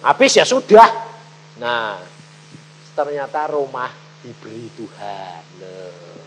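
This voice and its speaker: A middle-aged man preaching a sermon in with a tinge, telling stories in an animated way and often rising to emphatic calls. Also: mid-range voice, vocal fry, slight background noise, poor audio. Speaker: evangelist preacher.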